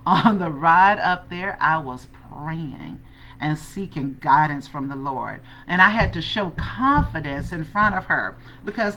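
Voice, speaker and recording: A woman telling a personal story as a motivational speaker, animated and laughing often, talking straight to her audience. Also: lowish voice, poor audio. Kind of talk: storytelling talk.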